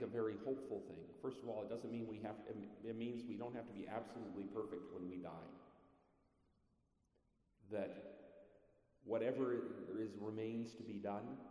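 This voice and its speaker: A priest giving a sermon in a teaching tone with a dry humor. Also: male voice, medium pitch, warm tone. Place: church. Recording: echoey church with long reverb.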